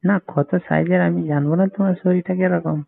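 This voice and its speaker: A man chats casually on a private call. His creaky voice keeps to a narrow, flattish range and comes through a thin, tinny telephone line. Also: high voice, brisk. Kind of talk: casual private phone chat. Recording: tinny phone call recording.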